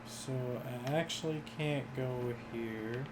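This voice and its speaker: Slow-talking man commenting on gameplay. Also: mid-range voice. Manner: unhurried, thinking aloud. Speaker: gamer. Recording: very noisy, game ambience behind.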